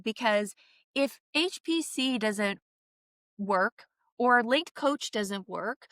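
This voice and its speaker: A woman from Canada, co-hosting a podcast, speaking candidly and telling a story in an animated way. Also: on the high side, dry recording, studio quality. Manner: animated, vivid storyteller who acts out quoted voices. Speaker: podcast co-host.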